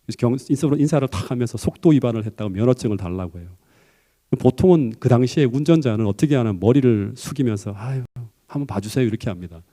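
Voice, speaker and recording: A middle-aged pastor preaches a sermon, telling a personal story with animation and building to emphatic high peaks. He keeps a quick pace.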